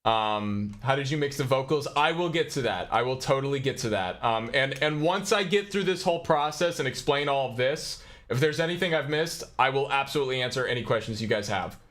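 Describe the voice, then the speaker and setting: A man's voice: medium pitch, lively intonation, brisk, few pauses, fairly bright tone. A young man hosting a casual livestream, explaining his own song in a rambling way with lots of fillers. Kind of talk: casual live walkthrough.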